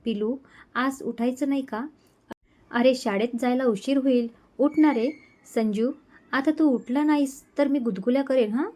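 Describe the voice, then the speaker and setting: Woman doing fierce protective young woman, firm, defiant, fairly high voice, storybook. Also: unhurried, warm tone. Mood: tender.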